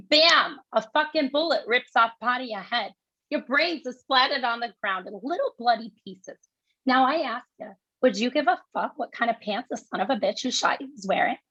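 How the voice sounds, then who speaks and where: A woman's voice: a little high, a bit bright, no room sound. Woman putting on a fiery New York accent, brash gal, sarcastic, dry dull sound. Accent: put-on New York. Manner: sarcastic, building to outrage.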